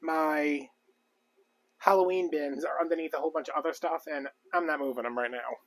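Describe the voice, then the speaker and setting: A man's voice: a little high, steady tone, fast. A man chatting casually and rambling with lots of fillers while crafting on a live stream. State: out of breath. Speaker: crafting vlogger.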